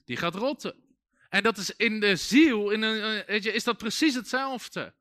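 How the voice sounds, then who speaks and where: A man's voice: sits high, normal speed, pushed and bright, dry recording, studio quality. A man preaching a sermon in a conversational way, full of asides and restarts.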